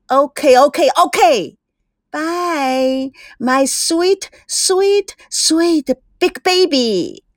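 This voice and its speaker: A woman voicing a spoiled, bratty young woman in a storybook reading, whiny and prone to loud tantrums. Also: sits high, lively intonation, extremely slow, no room sound, studio quality, pitched above the performer's own voice, full character voice. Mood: pleading. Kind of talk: storybook voice acting.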